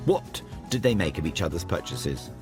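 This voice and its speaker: Deep, animated male TV narrator. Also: normal speed, over music. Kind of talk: scripted, wry TV narration. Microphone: studio voice-over.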